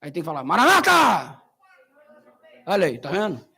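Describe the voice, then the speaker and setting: A Brazilian man, a pastor, preaching a sermon with animated storytelling, slang and acted-out voices. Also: a little high, racing, slightly rough. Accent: Brazilian Portuguese.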